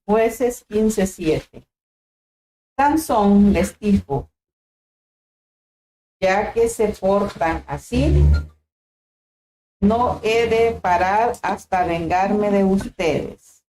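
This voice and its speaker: A woman doing a measured liturgical reading of scripture. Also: medium pitch, dark tone, slight background noise, poor audio. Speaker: scripture reader.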